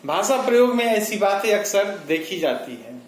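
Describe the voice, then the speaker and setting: A man's voice: high-pitched, big pitch swings, moderate pace. A man giving a grammar lesson, explaining step by step and repeating key definitions for his students. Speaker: Hindi grammar teacher. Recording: echoey room with faint noise.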